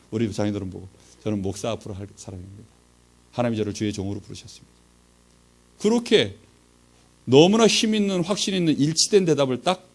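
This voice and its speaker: Korean guy preaching, tells his story, voice swings all over, kinda high. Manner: storytelling, acts out quoted dialogue, rhetorical questions. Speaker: pastor. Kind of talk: sermon with personal testimony. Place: church training session.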